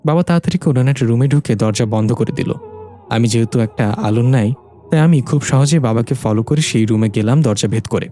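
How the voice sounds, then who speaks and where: Mellow-voiced man narrating a story. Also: mid-range voice, fairly quick, faint music behind. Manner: reads all parts, voicing women and men in his own voice.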